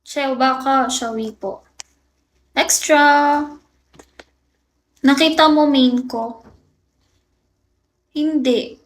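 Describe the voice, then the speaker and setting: A woman's voice: high voice, steady tone, very slow, long pauses. A young woman live-streaming, chatting casually with her viewers in a playful, teasing way and laughing often. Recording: echoey room with faint noise.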